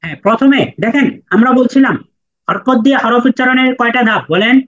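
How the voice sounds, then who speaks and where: With an extremely high, fairly bright voice and a brisk pace, a man teaches Quran letter pronunciation in an online class. He repeats each sound patiently for his students to echo. The sound is dry, dull and lo-fi.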